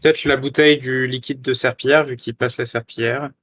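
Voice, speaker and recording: Calm, deadpan man co-host. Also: mid-range voice, fairly quick. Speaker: podcast co-host. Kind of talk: casual chat.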